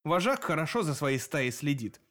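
A man's voice: fairly high pitch, very animated, normal speed, a bit bright. A man voicing Sep, a sarcastic, harsh male demon investigator with a mocking manner. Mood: stern.

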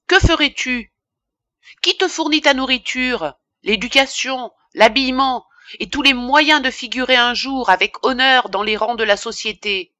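A woman's voice: mid-range voice, sharp tone, dry recording. A woman voicing a pompous ranting apothecary. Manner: ranting, indignant tirade. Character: pompous middle-aged male apothecary, irascible.

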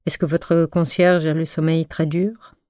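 A woman's voice: low voice, level tone, a little slow, dark tone, no echo, studio quality. A woman voicing an eager, shy young man in love, pleading fervently in an audiobook. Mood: polite, eager. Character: ardent shy young male suitor, eager.

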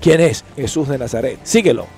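A man's voice: medium pitch, expressive, a little fast, vocal fry, darkish tone, soft background music. Preaching trucker man, earnest. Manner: earnest, exhorting, repetitive. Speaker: trucker vlogger and host. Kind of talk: motivational preaching to viewers.

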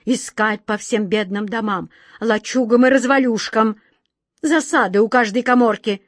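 A woman's voice: on the high side, normal speed, no room sound, studio quality, close to an everyday voice. A woman voicing a pompous, easily flustered old king who gives orders in a storybook reading. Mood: fretful. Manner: imperious, whiny, easily flustered. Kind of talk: storybook character voice.

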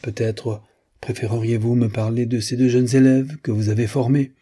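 A man voicing a vain, fussy wealthy gentleman who talks in a pompous, condescending way. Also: mid-range voice, little pitch movement, moderate pace, breathy edge, lightly acted.

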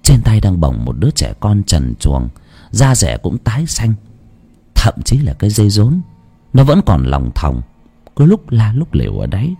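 Lively low-voiced male ghost-story narrator. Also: moderate pace, creaky, husky. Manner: dramatic, expressive storytelling.

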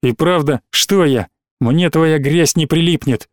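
A man's voice: on the high side, unhurried, no echo, natural voice. A man reading an audiobook, voicing a drunk, angry teenage boy who hisses with scorn. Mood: hissing. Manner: scornful, hissing.

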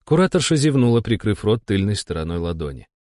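A man reading a first-person audiobook in a measured, wry way. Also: lowish voice, very animated, a little mellow, no echo, studio quality. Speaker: audiobook narrator. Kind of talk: first-person scripted narration.

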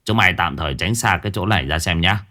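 A man's voice: deep voice, fast talker, pushed and bright. A man voicing a bossy older village clan elder who barks orders brusquely. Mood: puzzled.

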